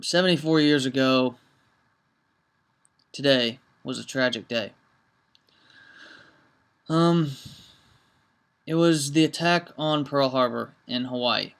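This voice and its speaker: A man's voice: medium pitch, takes it slowly, creaky, long pauses, a bit bright, smooth. A man talking casually to camera in a vlog, earnest and reflective, with many ums and restarts. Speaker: vlogger.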